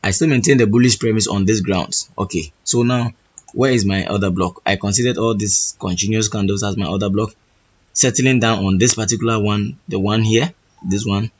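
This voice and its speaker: Hoarse, husky man, lowish register, thinking-aloud tutorial delivery full of restarts, dull lo-fi recording. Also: fairly even intonation. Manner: halting, restarts phrases often. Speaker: trading educator. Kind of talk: thinking-aloud chart walkthrough.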